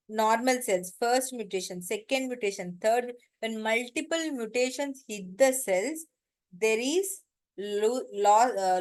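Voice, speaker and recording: A woman with an Indian accent giving an informal lecture, explaining step by step and often checking that students follow. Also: fairly high pitch.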